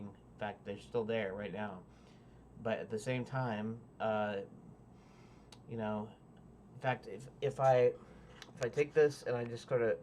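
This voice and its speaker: A man's voice: lowish voice, a little mellow, a little hiss or hum. Rambling man talking to his webcam. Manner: rambling and hesitant, many fillers and restarts. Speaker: indie game developer. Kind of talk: casual devlog talk to camera.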